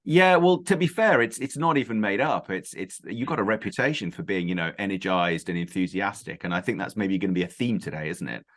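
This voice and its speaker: A man's voice: deep voice, fast, few pauses, fairly bright tone. A man with an English accent, hosting a podcast interview in a chatty, enthusiastic way with plenty of fillers. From Britain. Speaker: podcast host. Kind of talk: casual interview chat.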